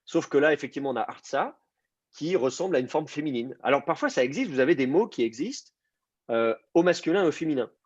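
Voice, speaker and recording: A man's voice: fairly high pitch, lively intonation, fast, slightly rough, dry recording, highs cut off. A man teaching an online class, explaining patiently with many fillers and restarts. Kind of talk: online class on biblical Hebrew.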